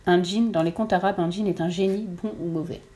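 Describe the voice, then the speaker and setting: A woman reading a children's story aloud in a lively storytelling voice. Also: a little fast. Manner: lively, voices the characters' lines with raised pitch.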